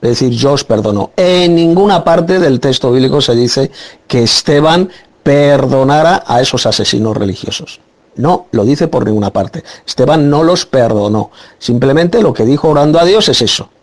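In a debate, a Bible teacher argues over a Bible passage in a preaching style, his medium-pitched voice expressive and a little mellow at a moderate pace. He is insistent, repeating his point with emphasis.

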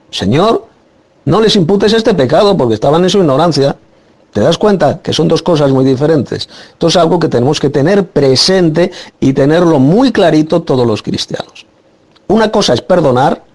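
A man's voice: on the high side, a little mellow. Emphatic man arguing scripture. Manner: insistent, emphatic repetition. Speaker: Bible teacher in a debate. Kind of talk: preaching argument.

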